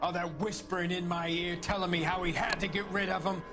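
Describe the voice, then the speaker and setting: A menacing American gunman in a 1940s crime game. His voice is high, bitter and sarcastic, accusing like a betrayed lover. Music is clearly heard behind. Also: flat delivery, fairly quick.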